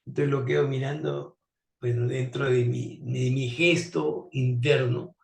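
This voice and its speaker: Gravelly man telling a story. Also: medium pitch, measured pace. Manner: animated, acts out dialogue. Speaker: interview guest. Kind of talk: storytelling anecdote. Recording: roomy, distant mic.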